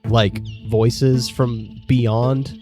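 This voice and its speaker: A man improvising tabletop game narration as game master, haltingly searching for his words. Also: mid-range voice, little pitch movement. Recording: loud plucked guitar music behind.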